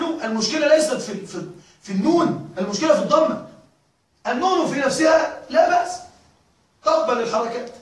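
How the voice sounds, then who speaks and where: A male grammar teacher giving a classroom lesson, often stopping to ask whether the students follow. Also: very high-pitched. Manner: keeps checking students follow, with repeated questions. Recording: echoey room, voice from far off.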